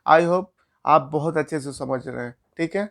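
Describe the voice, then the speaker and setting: A man's voice: a little high, moderate pace, vocal fry, a bit bright. A man teaching a grammar lesson, explaining step by step and asking questions he answers himself.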